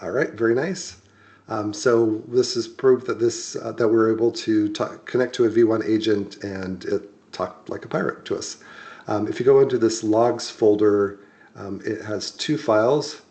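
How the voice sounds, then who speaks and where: Man, low voice, tutorial instructor; relaxed, um-heavy code walkthrough. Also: normal speed. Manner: relaxed, many ums and restarts while explaining. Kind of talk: screen-share coding walkthrough.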